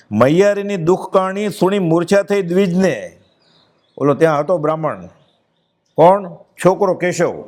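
A man with a Gujarati accent giving a devotional discourse, chanting verses slowly and then explaining them in plain speech. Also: a little high, a little mellow. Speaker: spiritual discourse speaker.

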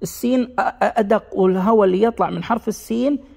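A man with a Gulf Arabic accent giving an explanatory lesson on dialects, repeating sounds slowly to demonstrate them and sketching a diagram as he explains. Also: high voice, vocal fry, a little mellow, long reverb tail. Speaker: dialect linguistics teacher.

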